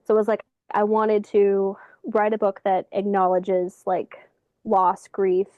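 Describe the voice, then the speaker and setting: A woman author talking as a guest on a video call interview, relaxed and chatty, with lots of "um" and "like". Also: medium pitch, unhurried, dry recording, narrow, tinny audio. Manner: relaxed, chatty, many fillers like "um" and "like". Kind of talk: casual interview chat.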